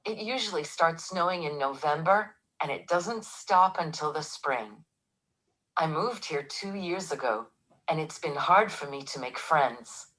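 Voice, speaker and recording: A gloomy, complaining forum poster. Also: female voice, low voice, lively intonation, a little slow, fairly bright tone, exaggerated voice, poor audio. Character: gloomy woman complaining about cold winters. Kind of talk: scripted textbook dialogue recording.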